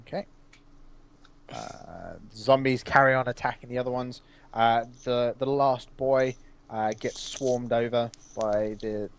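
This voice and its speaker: Man running a tabletop game, halting. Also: on the low side. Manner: halting, lots of uh and um. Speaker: game master.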